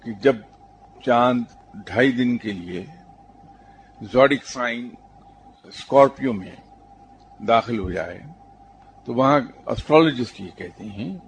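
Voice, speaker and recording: A man, a spiritual teacher, giving a religious talk in answer to a question, telling stories calmly and at a measured pace, with English terms mixed in. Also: mid-range voice, creaky, a little hiss or hum.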